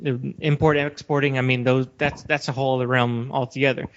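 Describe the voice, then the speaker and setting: This podcast co-host, a man from a Western country, speaks briskly in a level, mid-range voice. He airs his views casually but assertively and emphatically, steering where the conversation goes. The recording sounds dull and lo-fi.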